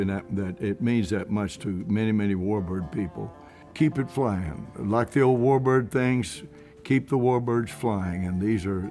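A man's voice: lowish voice, darkish tone. A man speaking earnestly and with enthusiasm in a casual interview, often repeating himself. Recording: faint guitar music behind.

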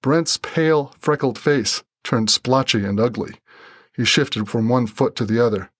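A man reading a novel aloud in steady scripted narration. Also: medium pitch, a little slow, breathy edge, no echo, studio quality. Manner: steady storytelling.

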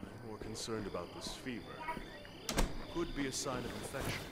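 An actor playing a calm, caring middle-aged pastor in a video game, measured and quoting scripture. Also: male voice, medium pitch, very noisy, lightly acted.

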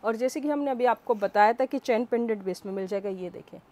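A woman's voice: on the high side, fast talker, darkish tone. A woman with a Delhi Hindi accent hosting a market vlog, talking enthusiastically to her viewers and exclaiming often over the pieces she shows. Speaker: vlog host.

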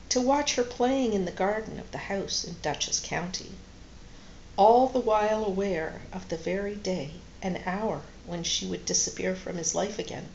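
A woman calmly reading a novel aloud at home while doing a craft. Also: medium pitch, gravelly, reverberant, muffled recording, slight background noise. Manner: calm, steady narration. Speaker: reader and crafting channel host.

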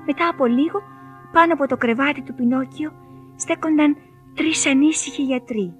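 A woman narrating a children's fairy tale in an expressive storytelling manner. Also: sits high, soft background music.

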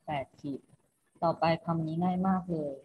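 Here a female teacher leads an online lesson at a moderate pace, her low voice barely shifting in pitch. Patient throughout, she repeats each instruction and tacks a polite particle onto the end of every phrase. Faint noise sits under the muffled audio.

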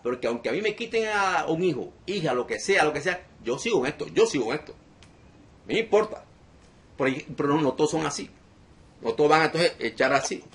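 A man's voice: fairly high pitch, very animated, fairly quick, a bit bright. Emphatic preaching man who repeats himself. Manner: emphatic, repeats phrases over and over. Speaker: deliverance minister. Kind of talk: preaching to an online group.

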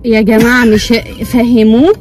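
A woman's voice: fairly high pitch, flat delivery, normal speed, darkish tone, soft background music. A young woman with an Egyptian accent, playfully mock-offended while bantering with her husband in a car. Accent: Egyptian Arabic. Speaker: vlogger, wife. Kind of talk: prank vlog banter. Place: inside a car.

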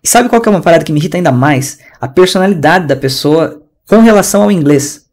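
A man's voice: on the high side, lively intonation, fast, darkish tone. Ranting Brazilian man teaching casually. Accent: Brazilian Portuguese. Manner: chatty, ranting, slangy. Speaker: English teacher. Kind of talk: casual online class.

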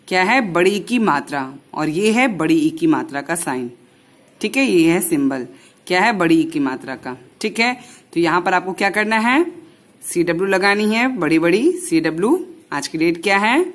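A woman teaching a Hindi lesson to young children, patiently sounding out words syllable by syllable and often checking whether they follow. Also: on the low side.

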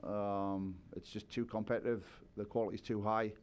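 A man's voice: fairly low pitch, level tone, normal speed, a little mellow, clear, resonant tone. A man in his forties, a head coach, giving thoughtful postgame answers at a press conference, seated at a table with a microphone. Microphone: table microphone on a stand.

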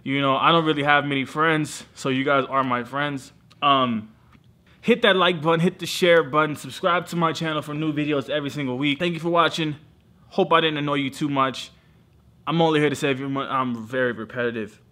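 Drunk and steadily getting drunker, a twenty-something video creator rambles in slang during a casual vlog, first from his living room at home and later in phone clips. He speaks briskly in a slightly high voice with fairly even intonation and a bright, forceful tone.

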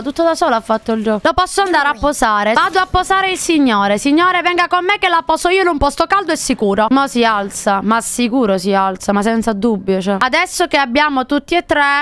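A young woman with a high, bright voice talks her way through a horror game for her live stream. She chats constantly with her viewers, jumps at every scare, and lets out screams and curses. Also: clear, resonant tone. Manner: jumpy, screams and swears at scares, chatty with chat. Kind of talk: live gaming commentary.

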